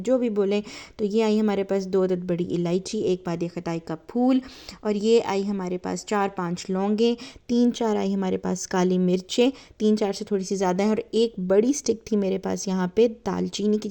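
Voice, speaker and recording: A woman hosting a home cooking tutorial, chatting as she lists the ingredients and fills her talk with soft fillers. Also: mid-range voice. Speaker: cooking channel host.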